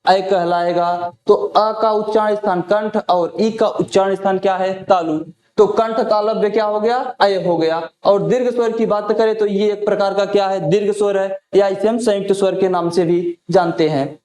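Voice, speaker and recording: Male tutor, very high pitch, question-and-answer drilling style, roomy echo. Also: steady tone, moderate pace, hardly any pauses, darkish tone. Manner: asks a question, then answers it himself. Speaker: teacher. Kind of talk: exam-prep lesson. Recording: echoey room.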